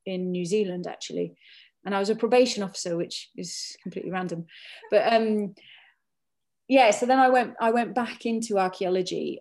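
A woman's voice: fairly low pitch, darkish tone. A middle-aged woman from Britain, an archaeologist and Druid, telling a personal story in a rambling way, with many restarts and fillers.

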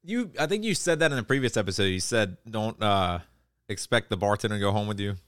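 A young man, co-hosting a podcast in animated, swearing casual banter. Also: lowish voice, fast, clean tone, dry recording. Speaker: podcast co-host. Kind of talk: casual chat.

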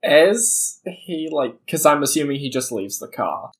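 A woman playing a tabletop game in a dry, unhurried way. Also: low-pitched, big pitch swings. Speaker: player. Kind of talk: casual tabletop game chat.

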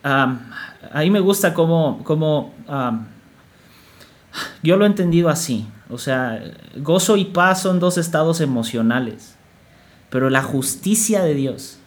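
A man hosting an interview, speaking reflectively with hesitant restarts. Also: on the high side. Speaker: interviewer, host. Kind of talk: casual conversation.

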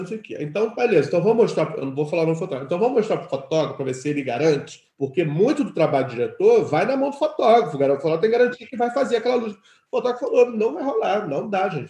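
A quick, slightly high-voiced Brazilian man talking through his work as a film director. He tells stories with energy, acting out what others said. The room gives his voice a noticeable echo. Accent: Brazilian Portuguese. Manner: animated storytelling, acts out quoted dialogue. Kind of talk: conversational interview.

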